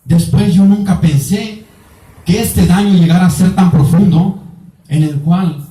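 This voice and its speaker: A man's voice: high-pitched, fairly even intonation, unhurried, warm tone. A man from Mexico, an evangelist giving an earnest, emotional testimony sermon with much repetition. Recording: echoey room, voice from far off.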